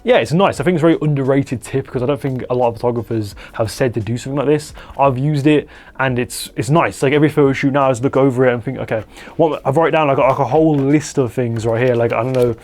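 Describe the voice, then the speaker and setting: A man's voice: fast talker, a little mellow. A young man, a portrait photographer, giving casual advice to camera in a rambling way full of fillers and restarts. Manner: acts out quoted voices with pitch jumps.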